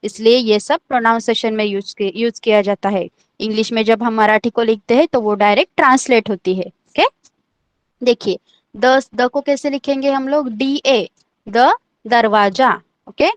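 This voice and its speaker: A woman's voice: a little high, dry recording. A woman teaching an online language class, patiently repeating each letter and checking that everyone understands.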